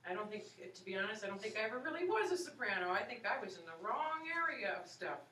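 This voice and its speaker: Here a fortysomething opera singer and voice teacher keeps things casual and upbeat with students, answering questions and saying "you know" a lot. Her mid-range voice swings widely in pitch, moves quickly, and has a sharp edge. Sound is distant from the microphone in a reverberant room, with slight hiss underneath.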